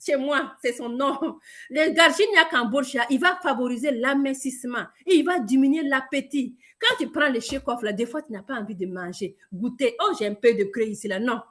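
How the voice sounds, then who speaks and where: Woman from Burkina Faso, high voice, emphatic sales trainer talking straight to the audience. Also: moderate pace. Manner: lively, emphatic, addresses listeners directly. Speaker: product presenter.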